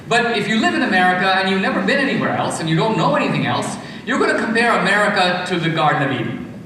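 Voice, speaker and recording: A man from India lectures emphatically, firing rhetorical questions and counting points off one by one. His voice is bright and a little high. He sounds distant, caught in a long hall reverb. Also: slight background noise. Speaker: speaker. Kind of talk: lecture-style commentary. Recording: echoey hall, far from mic.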